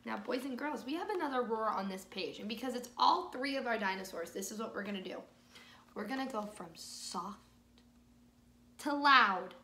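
A woman's voice: fairly high pitch, expressive, brisk, sharp tone, slight background noise. A young woman with an encouraging, exaggerated kindergarten teacher voice, reading a story aloud to small children and coaching them along. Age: young adult. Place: small room at home.

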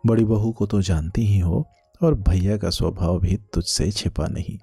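A man voicing a young man who teases his childhood sweetheart while carrying his own grief, in a gentle bantering manner. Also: low voice, unhurried, gravelly, slightly rough, dry recording, soft background music, heavily acted. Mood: sorrowful. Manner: gently teasing, light banter.

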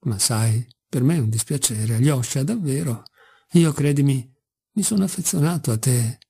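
A man reading as a drunken old father, husky. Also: medium pitch, expressive, moderate pace, warm tone. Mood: mocking. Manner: rambling, mocking, and wheedling. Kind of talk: audiobook character reading.

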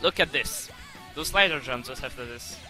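Bright-voiced excitable young gamer. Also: male voice, mid-range voice, moderate pace, soft background music. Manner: excitable, swears a lot, stumbling restarts. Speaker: gaming channel host. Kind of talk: gameplay commentary over a replay. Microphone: home desk mic.

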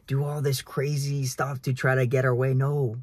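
Young man, husky, earnest preachy vlogger, phone selfie in a car. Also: medium pitch, flat delivery, moderate pace, darkish tone. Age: young adult. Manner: earnest, preachy, repeats "guys". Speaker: realtor vlogger. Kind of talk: casual faith talk to camera. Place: inside a car. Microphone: phone at arm's length.

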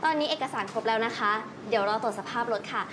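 An actress playing a courteous office clerk giving polite, brisk customer-service instructions. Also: female voice, a little high, lightly acted.

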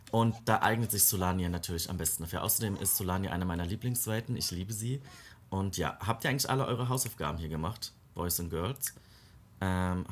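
Deep-voiced man chatting through a game. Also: slight background noise. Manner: chatty, talks to the game characters in a fond baby-talk way. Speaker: gaming let's-play creator. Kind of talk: casual let's-play commentary.

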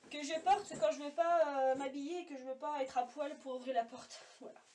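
Woman rambling through makeup swatches at home, fillers everywhere, kinda high voice, camera a bit far off. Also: fairly even intonation, a little fast, mellow, slight background noise. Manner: chatty, rambling, many fillers. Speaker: beauty vlogger. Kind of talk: casual makeup swatch vlog. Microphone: camera set apart, no monitor. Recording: voice a little far from the mic.

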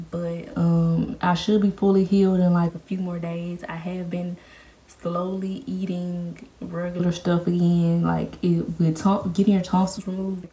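This American vlogger in her twenties has a lowish, warm voice. She chats casually to camera in a small room at home, and background room noise is noticeable.

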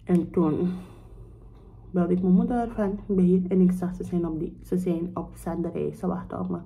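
Young woman, dark mellow voice. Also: on the low side, moderate pace, creaky, slight background noise, low-quality recording. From Suriname. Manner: animated retelling, acts out both sides of the dialogue; mixes English phrases into Dutch. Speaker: vlogger. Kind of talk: casual storytime vlog.

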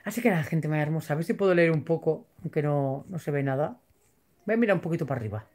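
A woman with a low-sitting, darkish voice talks fast and expressively on a livestream, reading viewers' comments. She's theatrical and exaggerated, swinging between tears and laughter in this emotional, casual chat.

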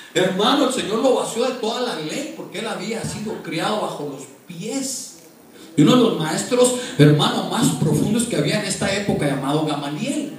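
Male pastor, impassioned sermon, heard from across an echoey church. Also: sits high. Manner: impassioned preaching, addresses congregation directly. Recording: echoey church hall, far from mic.

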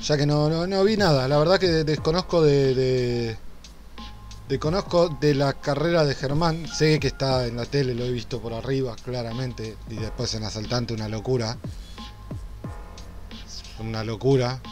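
A man's voice: mid-range voice, fairly even intonation, normal speed, a little mellow, faint music behind. An Argentine man chatting casually as a reaction streamer, hesitating and repeating words. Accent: Argentine Spanish. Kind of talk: casual chat.

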